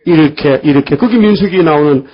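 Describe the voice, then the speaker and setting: Husky high-voiced older preacher, folksy. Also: male voice, quick pace. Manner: folksy, scolding, acts out voices of biblical figures. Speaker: pastor. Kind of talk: sermon. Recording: dull lo-fi church recording.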